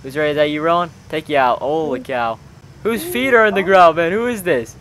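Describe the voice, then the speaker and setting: A man with a fairly high voice and lively intonation hosts a gaming video, talking a little fast over crowd noise. He roleplays and comments on the game with friends, chatty and informal, peppering his talk with bro-style slang.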